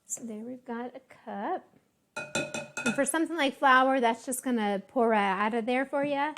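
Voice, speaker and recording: A woman casually demonstrating a baking recipe, chatty and relaxed with frequent ums and little asides. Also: on the high side, normal speed, a little hiss or hum. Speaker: home baking instructor.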